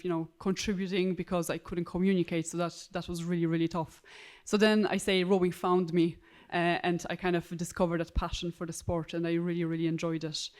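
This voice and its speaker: Polish-accented woman, smooth, even voice. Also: fairly low pitch. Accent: Polish with a Kerry Irish tinge. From Poland. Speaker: Olympic rower on a panel. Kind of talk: panel discussion.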